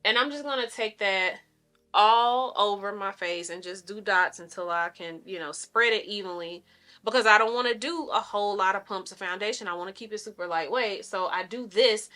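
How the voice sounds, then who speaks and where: In a medium-pitched voice that sounds pushed and bright, a woman in her thirties talks at a moderate pace during a casual makeup tutorial. She's a lifestyle vlogger, a bit nasal, wandering off into friendly asides aimed at her viewers.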